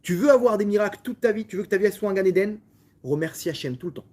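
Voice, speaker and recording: Brief: French-accented male rabbi, husky voice, casual sermon with stumbling restarts. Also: sits high, expressive, very fast, darkish tone. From France. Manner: repetitive, stumbling restarts, talks directly to listeners. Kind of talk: lively Torah lesson to a small audience.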